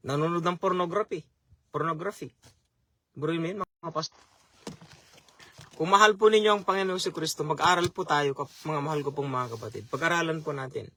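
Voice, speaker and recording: A man's voice: fairly high pitch, fairly quick, sharp tone. A man preaching a sermon as a chaplain, speaking earnestly, repeating key phrases and often calling his listeners brothers and sisters.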